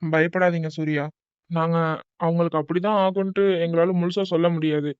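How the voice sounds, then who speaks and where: A man voicing a calm cartoon doctor who reassures a worried family member. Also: fairly high pitch, fairly quick, smooth, no echo, natural voice. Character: calm male hospital doctor. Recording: dull dry recording with faint music.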